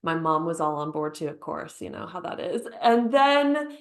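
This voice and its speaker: A woman, a therapist who is a podcast guest, telling her story in a lively way and playfully acting out remembered lines. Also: low voice, normal speed. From United States. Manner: lively storyteller who acts out quotes with laughter. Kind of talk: conversational storytelling interview.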